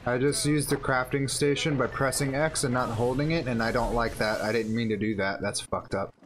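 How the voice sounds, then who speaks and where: A young man streaming a shooter game, chatting casually and excitedly with a friend, swearing often. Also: mid-range voice, brisk, background noise. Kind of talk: casual gaming chat.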